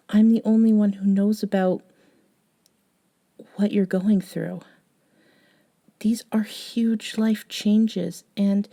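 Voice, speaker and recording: A woman portrays a gentle, quirky young woman who is a caring friend in an intimate ASMR audio roleplay. She speaks softly at a medium pitch, with hesitant pauses.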